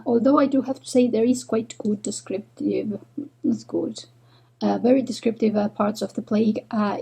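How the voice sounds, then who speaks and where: Husky-voiced woman with a cold. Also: fairly high pitch, dark tone. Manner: halting, many fillers. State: sick with a cold and sore throat. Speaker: book vlogger. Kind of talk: casual reading vlog. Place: home room with bookshelves, indoors.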